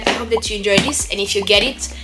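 A woman's voice: medium pitch, steady tone, fast, over loud music. A young woman chatting casually and upbeat in a product review vlog, with rambling asides. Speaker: vlogger.

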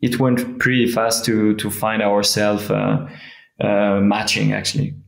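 A man, a skier answering interview questions over a video call, halting with many fillers and restarts. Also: fairly low pitch, completely flat delivery, gravelly. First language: French. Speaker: guest, freeride skier. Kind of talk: casual interview. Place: indoor room, remote video call. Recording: echoey room sound.

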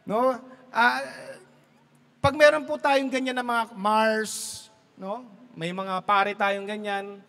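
A man's voice: sits high, steady tone, slow pace, a bit bright, long reverb tail. A man preaching a sermon as pastor, mixing Tagalog and English, telling jokes and laughing at his own stories.

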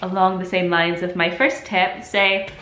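This woman's voice is on the low side and fairly bright, with little pitch movement and a measured pace. In her twenties and sniffly with a cold, she chats casually to the camera as a lifestyle vlogger, gesturing a lot with her hands. The recording comes from a desk-distance camera in her echoey home kitchen.

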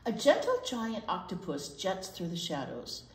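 A woman in her sixties, leading a children's storytime in a library children's room, talks casually and reads aloud expressively, emphatically repeating key words. Her voice is lowish, with huge pitch swings and a measured pace. The room is slightly echoey, and faint noise is present.

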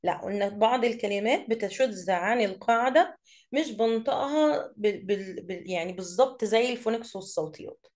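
A woman with an Egyptian accent teaching an English vocabulary lesson, saying each word slowly and then explaining it quickly. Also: medium pitch, expressive, darkish tone. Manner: reads words slowly, then explains briskly.

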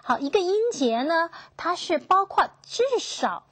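A woman teaching English phonetics in a classroom lecture, asking her students questions and slowly repeating each key term. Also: extremely high pitch, animated, fairly bright tone, no echo. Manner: slow, drawn-out, repeats key terms, asks students questions.

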